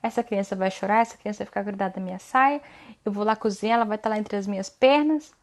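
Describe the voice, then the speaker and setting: A woman's voice: mid-range voice, fast talker. A woman, a mother hosting a casual live stream, coaching other mothers earnestly and often ending phrases with a questioning "tá?". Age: adult mother.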